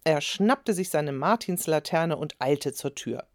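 A woman reading a children's story aloud with expressive storytelling. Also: low voice, unhurried, dry recording, clean studio sound. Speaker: narrator.

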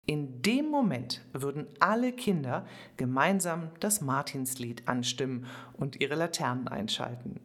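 A woman with a notably low voice narrates a children's story. Her reading is calm and expressive, in a scripted storytelling style. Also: measured pace.

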